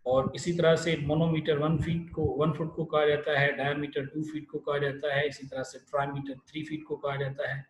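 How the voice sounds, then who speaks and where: A man delivers a literature lecture in a fairly high voice. He explains patiently and circles back often, with many fillers and restarts. The sound is roomy and echoey, with a faint hiss underneath. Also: little pitch movement, moderate pace, few pauses. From Pakistan.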